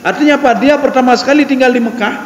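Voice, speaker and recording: A man teaches a mosque congregation, often putting rhetorical questions to them. His voice sits high, and long reverb from the big hall trails each phrase. Faint ambient noise lies underneath. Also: quick pace. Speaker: religious teacher. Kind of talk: mosque lecture.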